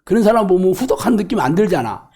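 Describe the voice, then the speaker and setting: A middle-aged man preaching a lively, colloquial sermon as a pastor, acting out quoted voices and laughing along. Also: high-pitched, fast talker, gravelly, breathy edge. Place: church or hall.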